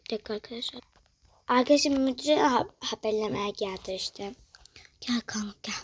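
A young woman narrating and voicing characters in a toy-style game role-play, swinging between loud excited lines and hushed whispers. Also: fairly high pitch, moderate pace, husky. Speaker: toca life roleplay creator.

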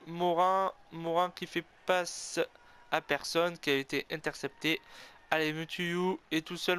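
A man calls his own hockey video game like a play-by-play announcer, cheering his team on and groaning with a stream of exclamations. His voice sits a little high and comes across smooth and clear. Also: fairly bright tone. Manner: self-corrects and admits being an amateur. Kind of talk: excited play-by-play game commentary.

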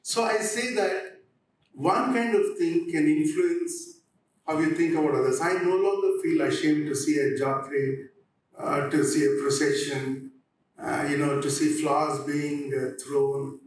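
A man in a reflective, halting way, often restarting. His voice sits a little high. It comes from a stage through heavy hall echo, at some distance, with faint noise. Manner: halting, with frequent pauses and restarts. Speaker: theatre practitioner on a discussion panel. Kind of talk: reflective panel talk. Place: on stage in an auditorium. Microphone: handheld microphone. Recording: very echoey hall, distant, slightly noisy.

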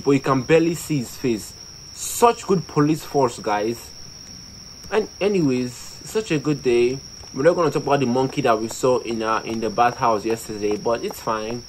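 A man playing a horror game gives excitable, casual commentary, thinking aloud, swearing, and dropping slang like "fam." His voice is mid-range, and the audio is poor with a little hiss or hum.

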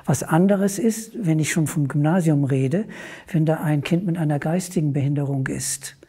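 A man's voice: fairly high pitch, normal speed, warm tone, slightly rough. A man as a guest in an academic discussion, thinking aloud and telling examples.

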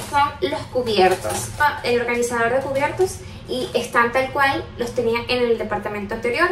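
Bubbly young woman vlogging in an echoey flat. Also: sits high, a little hiss or hum. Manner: chatty and bubbly, laughing often. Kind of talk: casual vlog chat to camera. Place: empty new apartment, echoey rooms indoors. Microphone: handheld phone camera at arm's length. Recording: echoey empty room with music under.

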